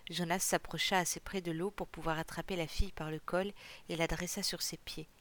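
A narrator reading a novel chapter aloud for a podcast in a measured, even storytelling manner. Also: medium pitch. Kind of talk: audiobook reading.

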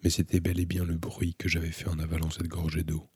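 A man calmly reading a novel aloud as an audiobook narrator, in a measured, introspective way. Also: low voice, slightly rough, dry recording.

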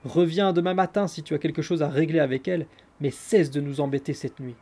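A man doing indignant neighbors shouting down. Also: fairly high pitch, steady tone, brisk. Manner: indignant, scolding. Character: fed-up neighbors shouting from windows.

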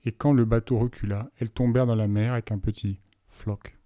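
A man reads a novel aloud in a low voice, with even, measured storytelling. The recording is dry and close with no room sound. He keeps a steady pace through the tense passages. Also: no echo. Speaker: audiobook reader. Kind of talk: audiobook narration of a novel.

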